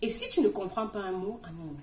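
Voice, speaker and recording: A woman's voice: medium pitch, brisk, darkish tone, far from the mic, slight background noise. Chatty woman vlogger in an echoey room. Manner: chatty, speaks directly to the viewer. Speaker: video host giving language tips. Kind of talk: casual advice video.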